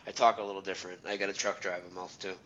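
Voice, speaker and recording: A man with a Boston accent hosting a casual radio chat, blunt and quick to swear and laugh. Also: low voice, little pitch movement, fairly bright tone, dull audio. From Massachusetts. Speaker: radio host.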